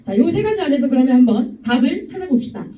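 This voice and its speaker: Young female youth preacher, high lively voice, distant and echoey. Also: quick pace. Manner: lively, teasing, asks students directly. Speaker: youth ministry speaker. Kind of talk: youth sermon with stories. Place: church hall. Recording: echoey hall, voice from far off.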